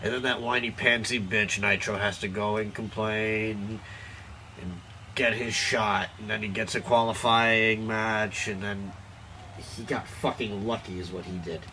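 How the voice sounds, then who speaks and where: A boastful pro wrestler snarls out a profane promo, voiced by a man. He sounds tipsy and aggressive, and his voice has a bright, sharp bite. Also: lowish voice, steady tone, a little slow, a little hiss or hum. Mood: ranting, contemptuous. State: has been drinking.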